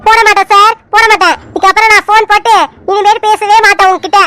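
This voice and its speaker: A woman plays a very high, bright-voiced young village woman in a cartoon serial, quick to take offence and fast with her retorts. She talks in rapid, indignant bursts with a sharp, ringing tone. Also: little pitch movement, slight background noise. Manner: indignant, rapid back-and-forth arguing. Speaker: cartoon character. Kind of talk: animated serial dialogue.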